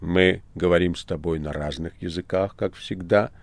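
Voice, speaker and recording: Воланд: надменный князь тьмы, как его читает мужчина. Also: male voice, deep voice, fairly even intonation, vocal fry, dry recording. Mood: scornful. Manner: slow, scornful, measured. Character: haughty ancient male prince of darkness. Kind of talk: audiobook reading.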